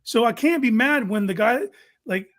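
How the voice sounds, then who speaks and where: A man's voice: very high voice, moderate pace, fairly bright tone. A man hosting a casual sports talk show, making his points informally and emphatically, repeating them for stress.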